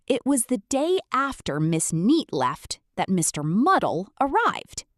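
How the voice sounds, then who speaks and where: A woman's voice: a little high, wildly swooping pitch, measured pace, no echo, clean studio sound. A woman storyteller reading a children's book aloud theatrically, addressing the listener directly.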